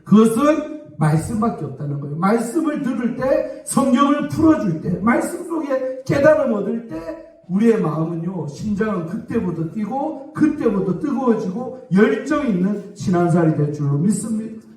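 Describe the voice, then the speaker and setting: A man's voice: high voice, very animated, moderate pace, a little mellow. A man preaching a sermon as senior pastor, emphatic and often calling for amens. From South Korea. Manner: emphatic, repeatedly asking the congregation for amens. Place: church sanctuary. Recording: echoey church hall, distant mic.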